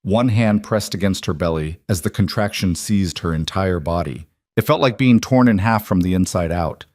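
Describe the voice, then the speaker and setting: A man reading a dramatic story aloud in a slow, heavy, measured narration. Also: low voice, darkish tone, dry recording, studio quality.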